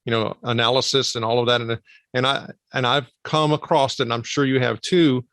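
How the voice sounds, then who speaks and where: A man hosting a podcast interview, asking long, winding, measured questions. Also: mid-range voice, steady tone, fairly bright tone, no echo. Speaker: podcast host. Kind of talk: casual interview conversation.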